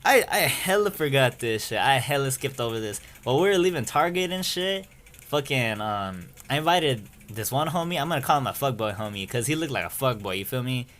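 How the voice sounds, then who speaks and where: Young man, mid pitch, loose slangy storytelling, profane and rambling. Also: expressive, fairly quick, a bit bright. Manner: rambling, slangy and profane, keeps saying "you feel me". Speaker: storyteller vlogger. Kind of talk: casual story time.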